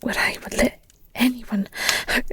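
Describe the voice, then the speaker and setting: Speaking in a breathy whisper with a sharp tone, a woman plays a devoted, protective werewolf girlfriend in an audio roleplay, earnest and vowing. Her delivery is tender and halting, and the recording is dry.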